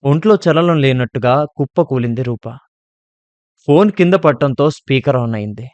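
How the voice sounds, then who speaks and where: A man narrating a scripted horror story in a steady, measured way. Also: medium pitch, no echo, muffled recording.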